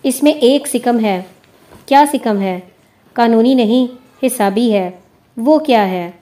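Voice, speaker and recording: A woman reading the lines of a calm senior male lawyer with a dry, teasing wit, in a measured way. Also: fairly high pitch, natural voice.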